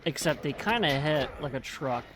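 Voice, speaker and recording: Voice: mid-range voice, animated, moderate pace, noisy background. A gamer giving casual commentary on a playthrough, reading quest text aloud in an easygoing, self-mocking way.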